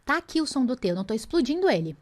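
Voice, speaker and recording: A woman teaches English pronunciation in a relaxed online lesson. Her voice sits slightly high. She explains patiently, then slows down and stretches out the English example phrases word by word.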